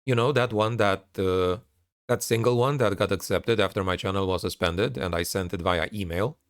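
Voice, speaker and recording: A man with a fairly low voice speaks candidly to his online audience. His delivery is frustrated and sardonic, like a creator airing a grievance in an update. The sound is dry, with hardly any room around it. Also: moderate pace, clear, resonant tone, no room sound. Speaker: online narrator and content creator. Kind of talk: candid spoken channel update to viewers.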